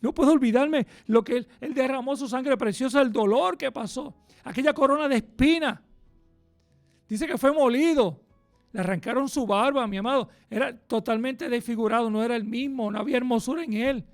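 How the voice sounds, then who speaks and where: A man preaching a radio sermon, impassioned, swinging from hushed passages to loud, fast bursts. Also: extremely high pitch, faint music behind.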